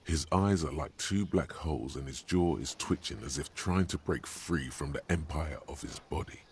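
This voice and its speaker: A man's voice: very deep voice, normal speed, slight background noise. A man voicing a solemn game narrator with a grave, dryly mocking delivery. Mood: wry. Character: deep solemn male game narrator, wry.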